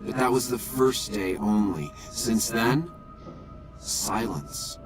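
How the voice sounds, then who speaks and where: An actor playing a serene, devout ghoul prophet in a video game, speaking in solemn, measured, formal phrases like a preacher. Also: male voice, lowish voice. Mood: solemn, grave. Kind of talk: video game character dialogue. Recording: game audio with music behind.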